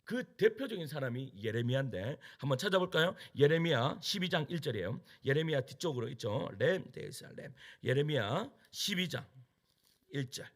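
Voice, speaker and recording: A man's voice: fairly high pitch, animated, moderate pace. A male pastor preaching a sermon, questioning the congregation with emphatic delivery.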